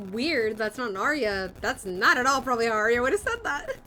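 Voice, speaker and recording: A woman voice actress live-streaming a game, thinking aloud in an animated way, swearing casually and reading lines aloud. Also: fairly high pitch, a little fast.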